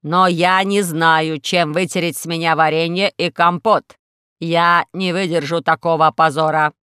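A woman voicing a gentle robot wardrobe that talks in a slow, plaintive, ponderous way. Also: low-pitched, fairly even intonation, smooth, no room sound, studio quality, voice pushed down.

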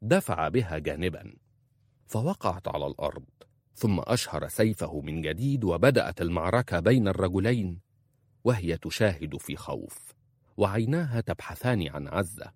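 A man narrating a dramatic story as an audiobook, in a measured, dramatic reading. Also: low voice, lively intonation, no echo, studio quality.

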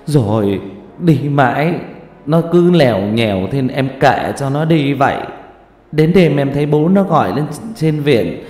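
A man's voice: medium pitch, expressive, a little mellow, voice pushed up, lightly acted. A man voicing a grief-stricken middle-aged mother, sobbing and drawing out his words. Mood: tearful lament. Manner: sobbing, drawn-out wailing. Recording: roomy reverb with music.

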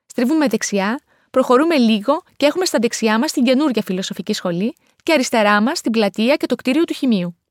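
A woman reading language lesson narration and dialogues in a clear, careful, measured way. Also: fairly high pitch, lively intonation, dry recording, studio quality. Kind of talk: scripted textbook dialogues and narration.

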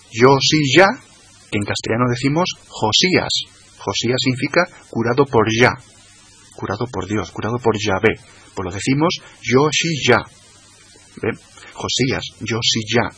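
A man, a guest on a radio talk show, explaining slowly and carefully, repeating and spelling out words. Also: medium pitch, fairly bright tone, breathy edge. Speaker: guest expert on religion.

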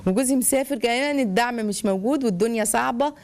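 Egyptian lady on a live advice show, quick and a bit high, lively storytelling. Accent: Egyptian Arabic. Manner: animated, acts out shouting voices in stories. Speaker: family counselor answering viewers.

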